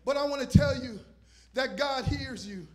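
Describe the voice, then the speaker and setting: A man with a strikingly high voice preaching a sermon from a church stage, holding a microphone in his hand. He swings from loud, shouted declarations down to hushed, almost whispered asides. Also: normal speed, soft background music. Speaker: visiting pastor. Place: church stage with purple lights. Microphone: handheld microphone.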